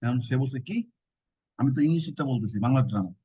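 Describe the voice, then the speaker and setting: A man's voice: medium pitch, animated, quick pace, dark tone, slightly rough, no room sound. A male teacher gives a casual exam-prep lecture, explaining with joking memory tricks and colloquial asides. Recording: dull, dry lo-fi recording.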